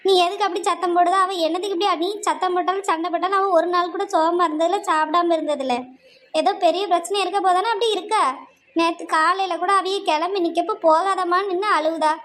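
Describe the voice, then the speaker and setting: This is an anxious old mother-in-law character from an animated family drama, played by a voice performer, rushing on in a very high, squeaky voice that pleads and insists. Her intonation is fairly even and slightly bright, with a bit of background noise.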